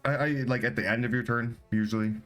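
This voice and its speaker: A man running a tabletop game as game master, animated and quick to slip into character voices. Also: medium pitch, faint music behind.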